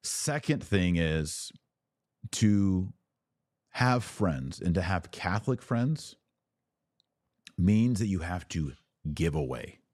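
Hosting a livestream podcast for live viewers, a man speaks in a low, darkish, expressive voice, slowly and with long pauses. He gives earnest, informal advice, urging listeners on and raising questions that he then answers himself, in a dry recording.

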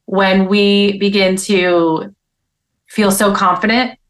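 A woman's voice: medium pitch, level tone, takes it slowly, low-quality recording. A woman guest, a speaker and author, talking earnestly about her faith in a casual interview, with frequent restarts.

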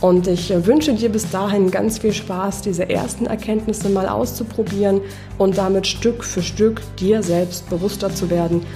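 A woman's voice: mid-range voice, steady tone, moderate pace, dark tone, soft background music. A woman working as a voice coach, presenting a podcast lesson in an encouraging, explanatory way and speaking straight to the listener with guiding questions. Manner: encouraging, addresses the listener directly.

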